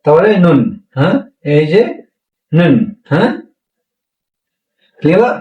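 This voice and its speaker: A man with a fairly high, expressive voice teaches a language lesson unhurriedly, explaining pronunciation rules step by step. He is repetitive and tends to pose questions and then answer them himself. The recording is echoey with a distant mic, and the highs are cut off.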